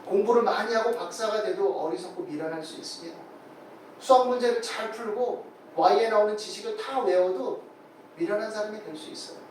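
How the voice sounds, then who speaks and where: A male pastor preaching a sermon in a church, animated, acting out quoted voices as he speaks. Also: high-pitched. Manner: animated, acts out voices of God and people in quotes. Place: church sanctuary. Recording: very echoey hall, far from the mic, faint noise.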